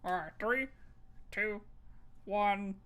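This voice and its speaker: A woman's voice: mid-range voice, very slow, fairly bright tone. A woman streamer chatting casually and making sarcastic jokes while watching an old film. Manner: joking, sarcastic.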